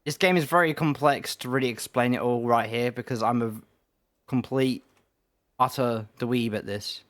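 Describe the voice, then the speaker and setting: A man's voice: mid-range voice, moderate pace, fairly bright tone, dry recording. A man streaming a game who rambles casually with lots of swearing and restarts. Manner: rambling, profane, many restarts.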